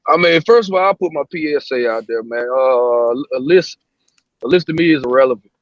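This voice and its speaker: A man's voice: medium pitch, fairly quick, slight background noise. A man on a remote call that keeps clipping and breaking up, talking bluntly with profanity and many restarts. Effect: clipped, breaking-up call connection. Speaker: panel guest. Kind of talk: casual panel discussion. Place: outdoors in woods, on the road. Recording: lo-fi dropping call line.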